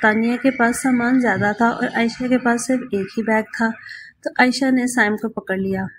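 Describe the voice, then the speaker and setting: A woman narrator reading a romance novel aloud at a steady storytelling pace. Her voice sits fairly high, and there is a faint hiss behind her. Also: normal speed.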